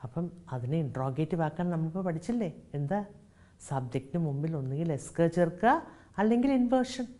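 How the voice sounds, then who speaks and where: A woman with a Malayali accent teaching a French lesson, explaining each step and reading out French example sentences slowly and clearly. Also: low voice, lively intonation, warm tone. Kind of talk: recorded classroom lesson.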